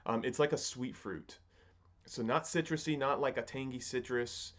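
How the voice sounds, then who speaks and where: A man in his thirties giving a casual, unscripted review in a halting, musing way, often rephrasing himself, recorded at a desk in a home study. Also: mid-range voice, fairly bright tone. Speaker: pipe tobacco reviewer.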